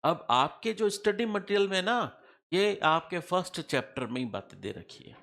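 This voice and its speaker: A man's voice: high voice, big pitch swings, moderate pace, vocal fry, a bit bright. A middle-aged man teaching tax law in a classroom lecture, repeating key figures and quizzing students with questions.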